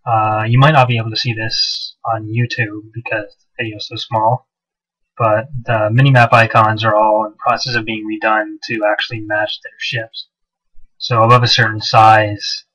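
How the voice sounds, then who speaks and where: Speaking with a lowish, breathy-edged voice, this male mod developer casually talks through his gameplay, often saying "uh" and starting sentences over. The cheap old mic gives a hollow, muffled tone, like a voice rising from deep in a well.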